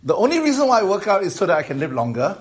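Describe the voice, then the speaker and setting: A man's voice: high-pitched, wildly swooping pitch, very fast, roomy sound. A man, preaching a sermon as pastor in a conversational way and putting questions to the congregation. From Malaysia. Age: 50s. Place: church.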